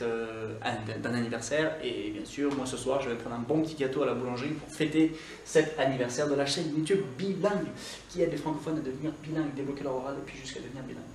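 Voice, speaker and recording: A man's voice: mid-range voice, darkish tone. Upbeat man teaching in an echoey room. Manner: upbeat, repeats English words slowly for pronunciation. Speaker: English teacher and channel host. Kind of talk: video English lesson. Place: indoor room, moving in and out of camera frame. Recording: echoey room, voice from a distance, faint background noise.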